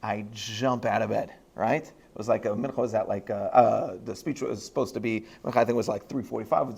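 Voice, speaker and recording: A rabbi telling a self-deprecating funny story to a school audience, animated and laughing as he goes. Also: mid-range voice, creaky, breathy edge. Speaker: rabbi giving a talk at a high school. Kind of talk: humorous personal storytelling.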